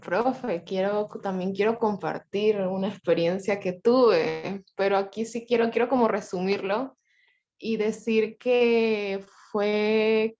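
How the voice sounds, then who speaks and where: A woman in her twenties, a student recounting a personal experience to the class in a measured, careful way. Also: mid-range voice, darkish tone, highs cut off. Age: 20s. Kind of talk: personal account in class discussion.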